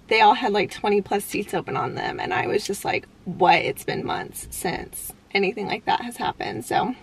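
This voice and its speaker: Chatty young woman with a gravelly edge. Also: mid-range voice, a little hiss or hum. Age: young adult. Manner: chatty, upbeat, talks while moving and packing. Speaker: flight attendant vlogger. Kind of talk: casual vlog chat to camera. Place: home kitchen, car, airport and hotel room. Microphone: phone or camera held at arm's length.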